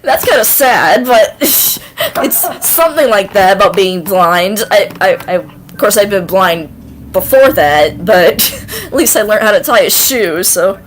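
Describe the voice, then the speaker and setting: A young woman in her twenties hosts a casual livestream interview, chatty and quick to laugh. Her middle-pitched voice rises and falls in a lively way. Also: slight background noise. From Winston, North Carolina. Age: 20s.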